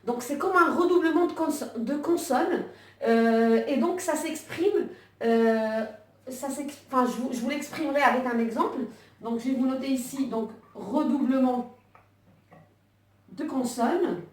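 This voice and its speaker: A woman's voice: sits high, measured pace, darkish tone. A woman teaching an online Arabic lesson, explaining patiently with many fillers and restarts while she writes. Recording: echoey room, voice from a distance.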